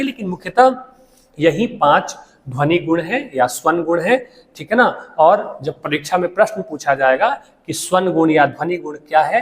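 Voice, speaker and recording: A man teaching a Hindi lesson, explaining slowly with pauses and checking in with "theek hai". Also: on the high side, big-room sound. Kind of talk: classroom lecture.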